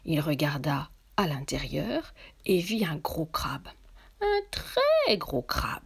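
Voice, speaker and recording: Slow, breathy woman telling a bedtime story. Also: medium pitch. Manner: slow, expressive, drops into whispers.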